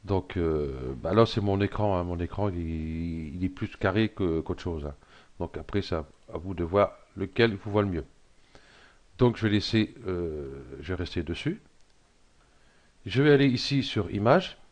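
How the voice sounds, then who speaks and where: Low-voiced man talking through a tutorial. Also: animated, moderate pace, darkish tone. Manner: hesitant, thinking aloud with many fillers. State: frog in his throat. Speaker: tutorial presenter. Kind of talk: screen-recorded software tutorial.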